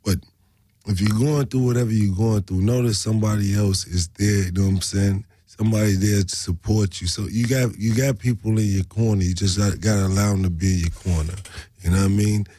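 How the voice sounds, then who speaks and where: A man's voice: lowish voice, fairly even intonation, a little fast, dark tone, no echo. A man hosting a casual studio interview, repeating himself and punctuating his talk with slangy check-in phrases. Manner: repetitive, punctuated with "you know what I'm saying". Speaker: interview host. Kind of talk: casual radio interview chat.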